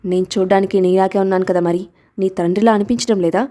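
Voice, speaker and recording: A calm, loving young father from a storybook, gentle and a little teasing, as a woman reader voices him. The tone is warm and mellow, in an everyday reading voice. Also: mid-range voice, fast, close to an everyday voice.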